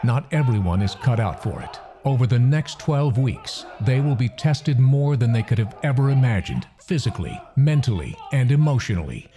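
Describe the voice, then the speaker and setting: A man narrates a documentary in a measured, solemn way. His voice is dark and mellow, and his pitch moves a lot. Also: animated, slight background noise.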